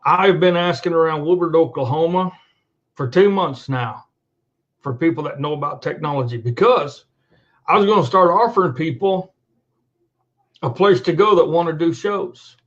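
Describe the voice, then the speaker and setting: Hosting his own online show, a man unloads a moderately paced, off-the-cuff monologue to camera from his computer indoors. His slightly high voice is sweary and forceful, circling back to the same points again and again, with dull, lo-fi audio.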